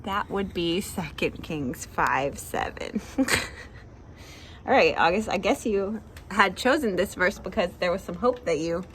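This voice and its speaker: A woman's voice: fairly low pitch, animated, a little slow, fairly bright tone, slight background noise. Chatty woman hosting a Bible chat. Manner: chatty, laughs often, acts out quoted speakers. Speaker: devotional host.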